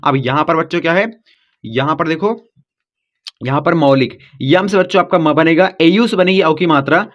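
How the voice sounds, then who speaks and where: Patient man spelling words slowly. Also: fairly high pitch. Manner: patient, repeats "ठीक?" after each step; spells names slowly letter by letter. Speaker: English teacher. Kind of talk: blackboard lesson for children. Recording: dull lo-fi audio.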